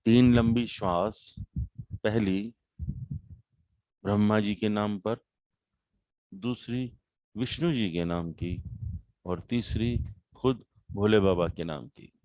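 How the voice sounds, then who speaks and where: The audio is poor and has no room sound, but the voice is clear in intent: a fairly low-pitched man with an Indian accent, calmly leading a meditation in measured short phrases with deliberate pauses.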